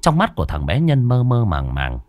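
A man narrating a horror story in a dramatic, drawn-out storytelling manner. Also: medium pitch, huge pitch swings, darkish tone, dry recording.

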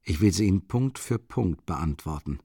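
An actor voicing a shrewd middle-aged investigator who speaks in a calm, insistent half-whisper. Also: male voice, sits low, moderate pace, creaky, slightly rough, no room sound, clean studio sound, exaggerated voice. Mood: calm, persuasive.

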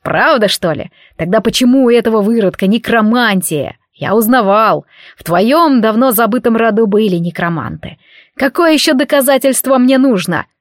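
A woman's voice: on the high side, lively intonation, moderate pace, no echo, studio quality, lightly acted. A woman voicing a sneering vengeful count. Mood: sneering menace. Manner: sneering, menacing. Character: cruel vengeful male count, a swordsman.

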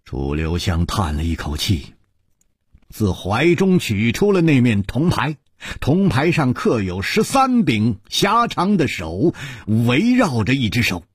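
A male storyteller narrates with a dramatic, animated swing in pitch. His voice is husky and slightly high. The sound is dry and close. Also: slow, dry recording.

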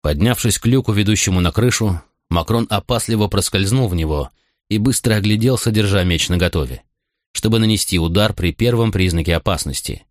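A man narrating an audiobook in a dramatic, expressive reading. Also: lowish voice, fairly quick, no echo, studio quality.

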